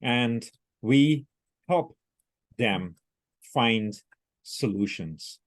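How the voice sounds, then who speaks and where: A man doing a slow robot-like reading voice. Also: medium pitch, animated, no echo. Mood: measured. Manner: slow halting word-by-word delivery. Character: father reading son's typed words, robot-like.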